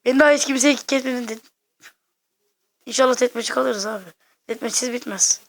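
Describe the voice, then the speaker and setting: A woman giving casual, excitable gameplay commentary, talking to herself and her viewers in slangy bursts. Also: fairly high pitch, fairly quick. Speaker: gaming video maker.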